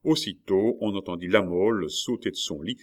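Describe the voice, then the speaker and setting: A man narrating a novel as an audiobook reader, in a steady, measured way. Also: sits low.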